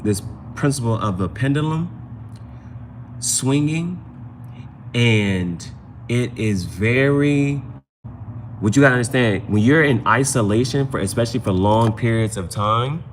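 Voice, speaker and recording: A man hosts a casual live tarot reading, offering advice conversationally, repeating his phrases and tacking on "you know what I'm saying." His mid-range voice has lively intonation and a measured pace with frequent pauses. Slight background noise is audible.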